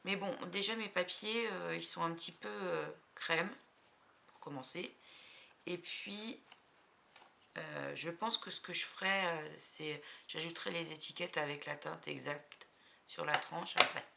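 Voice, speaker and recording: A woman with a slight cold talks through her crafting purchases at a very slow, easy pace. Her voice is bright and a little low in pitch, and she hesitates often with fillers. Faint noise sits under the recording. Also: steady tone, creaky. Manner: unhurried, hesitant, many fillers. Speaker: crafting vlogger. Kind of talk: casual haul chat.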